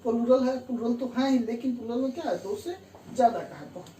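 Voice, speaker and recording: A woman's voice: fairly high pitch, fast talker, warm tone. Woman teacher, step-by-step grammar explanation, repeats key words, echoey room, faint hum. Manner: explains step by step, repeats key terms and says "theek hai" to check understanding. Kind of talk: classroom lesson explaining grammar rules. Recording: distant roomy mic with faint room hum.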